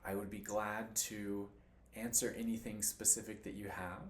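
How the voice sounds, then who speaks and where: A man's voice: on the low side, flat delivery, moderate pace. A man teaching cello in a patient, encouraging way, counting beats aloud as he demonstrates. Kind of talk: instructional demonstration. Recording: roomy room with faint noise.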